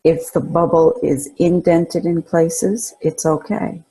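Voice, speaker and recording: This is a relaxation meditation narrated by a woman whose low-pitched voice is mellow, soft, and breathy with a husky edge. She moves very unhurriedly, leaving gaps between her calm, gentle instructions, and the recording sounds rough.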